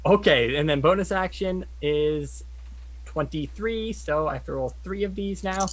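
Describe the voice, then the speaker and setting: A man's voice: a little high, a little slow. A man chatting casually as a player in a tabletop game, often counting up his dice aloud.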